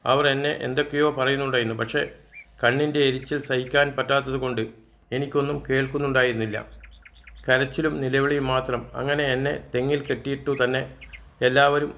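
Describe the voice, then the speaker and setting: A man's voice: medium pitch, little pitch movement, brisk, a bit bright. A man narrating a first-person childhood story as a storyteller.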